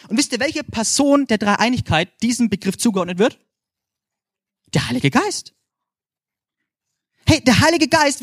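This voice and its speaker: A young man from Franconia with a Franconian German accent, preaching a sermon in an energetic, animated way, often calling out "hey" and asking "ja?". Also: very high voice, dry recording, studio quality.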